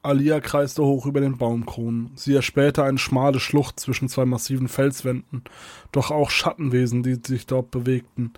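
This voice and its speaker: A man's voice: mid-range voice, level tone, moderate pace, darkish tone, no room sound. Man reading a fantasy story aloud. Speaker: narrator. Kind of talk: scripted storybook narration.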